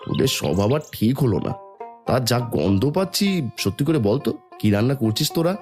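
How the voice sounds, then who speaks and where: Casting: actor as prying cartoon villager, male, mid pitch, swooping intonation, suspicious. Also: very animated, a little fast, darkish tone, soft background music, lightly acted. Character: nosy, suspicious village man prying into others' cooking. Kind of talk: Bengali animated story dialogue.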